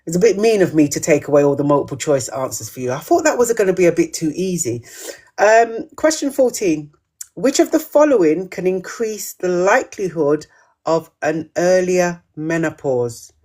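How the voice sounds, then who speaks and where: A woman's voice: lowish voice, lively intonation, moderate pace, dark tone. A woman hosting a live quiz, reading each question twice and reacting to viewers' comments in a chatty way. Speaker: host of a live menopause quiz.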